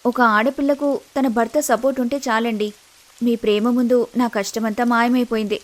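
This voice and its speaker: A woman voicing a gentle, grateful young wife in an animated family story, speaking softly. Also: a little high, normal speed, close to an everyday voice. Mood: tender. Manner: soft, grateful.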